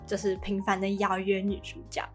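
A woman with a Taiwanese Mandarin accent co-hosts a podcast, casually recapping a drama in a chatty, explanatory manner. Her medium-pitched voice is monotone and a little fast, with faint music in the background.

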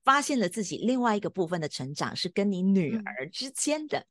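A woman's voice: medium pitch, very animated, brisk, no echo. A woman hosting an interview, guiding her guest with coaching questions. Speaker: podcast host and teacher. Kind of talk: encouraging interview chat.

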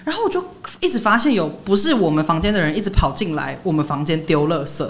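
A young woman co-hosting a podcast, telling a story in an animated way and laughing often. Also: fairly low pitch, quick pace. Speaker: podcast co-host. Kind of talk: casual chat.

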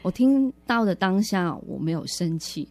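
A woman's voice: lowish voice, expressive, normal speed, darkish tone, soft background music. A woman sharing her personal faith testimony in a radio interview, earnest and reflective, often restarting her words.

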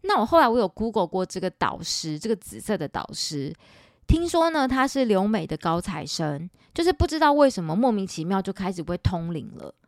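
A woman's voice: mid-range voice, fairly quick, no echo, clean studio sound. A woman in her forties with a Taiwanese Mandarin accent, hosting a podcast and telling a personal story in a chatty, dramatic way. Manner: animated, chatty, dramatic retelling with quoted dialogue. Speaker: podcast host.

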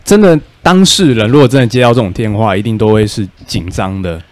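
A man, co-hosting casual podcast chat with quick reactions. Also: on the low side, darkish tone, no echo. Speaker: podcast co-host.

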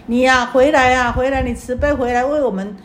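An anxious young monk disciple, played by a woman teacher pleads with his master. The delivery is urgent and begging, pitched a bit high. It is told as a story within a spoken dharma talk. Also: steady tone, fairly quick, slight background noise, close to an everyday voice. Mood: pleading.

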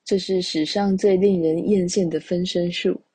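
A woman's voice: fairly low pitch, steady tone, normal speed, dark tone, breathy edge, dry recording. A woman podcast host who reads a classical tale aloud, then retells each passage in casual speech with chatty asides. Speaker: podcast storyteller.

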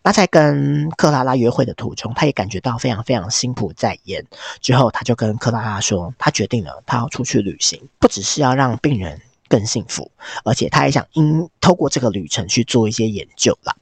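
A hoarse man, retelling a movie plot in a casual, animated way as a podcast host. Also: mid-range voice, fairly quick, no echo. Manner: animated storytelling, acts out the quotes. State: hoarse from a cold.

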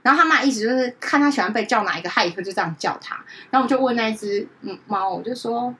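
Female podcast co-host, quick, slightly high, lively storyteller. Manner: animated, keeps asking "you know?"; jumps into high-pitched voices when quoting others. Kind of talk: casual chat storytelling.

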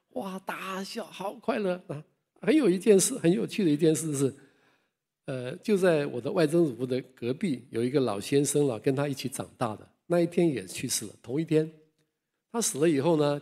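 A man preaching a sermon, telling family stories in an animated way and often chuckling. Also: medium pitch.

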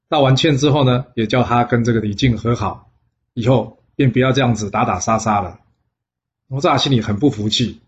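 A man telling a classic legend in a folksy way, often pausing on fillers. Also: mid-range voice, darkish tone. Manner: folksy, with frequent filler pauses. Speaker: storyteller. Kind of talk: storytelling narration. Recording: slightly dull lo-fi recording.

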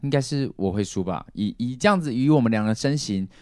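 A man's voice: medium pitch, quick pace, no echo, clean studio sound. A man, hosting a podcast and telling a family story casually, acting out what his relatives said. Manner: animated, acts out quoted relatives. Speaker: podcast host.

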